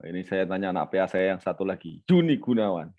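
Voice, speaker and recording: A man's voice: low voice, expressive, fast, lo-fi sound. A male lecturer, teaching an online class and teasingly quizzing students by name.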